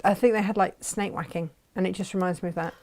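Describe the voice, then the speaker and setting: A woman's voice: on the low side, steady tone, fast talker, darkish tone. A woman co-hosting a live craft show, chatting playfully and reading out viewer comments.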